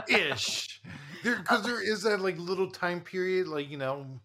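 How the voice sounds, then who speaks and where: Bright-voiced man rambling in chat. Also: high-pitched, expressive, a little slow. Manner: rambling, many fillers and restarts. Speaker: podcast co-host, therapist. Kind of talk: casual chat.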